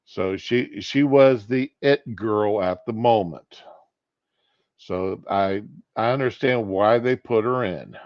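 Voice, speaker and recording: A man's voice: lowish voice, a little mellow. A man who has just woken up, rambling casually and without hurry as he hosts a live stream. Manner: just woke up, unhurried. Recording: boxy echoing room, dull sound.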